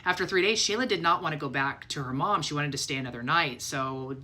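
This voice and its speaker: A middle-aged woman telling her faith testimony in a casual, animated way, acting out her own thoughts as she goes. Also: deep voice, fast. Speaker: storyteller sharing her testimony.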